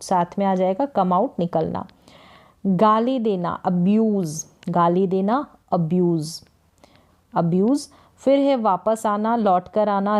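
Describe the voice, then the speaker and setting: Slow, mellow woman teaching words. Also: medium pitch. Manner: slow, repeats each word and its meaning. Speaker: English teacher. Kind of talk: vocabulary lesson.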